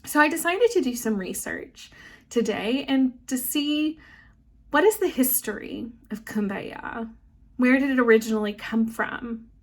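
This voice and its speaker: A young woman pastor delivers a devotional reflection in an earnest, reflective way. Her voice sits a little high. She speaks slowly and gently.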